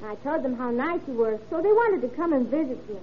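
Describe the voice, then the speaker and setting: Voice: sits high, very animated, fast. A young performer playing a naive, cheeky little boy in a 1930s-style radio drama, with guileless slangy talk. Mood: eager. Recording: dull, noisy old radio recording.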